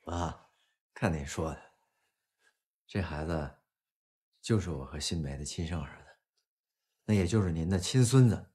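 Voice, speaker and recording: A man's voice: low voice, expressive, measured pace, long pauses, warm tone. An actor playing a young husband and new father in a TV drama, cheerful and joking. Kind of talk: TV drama acting.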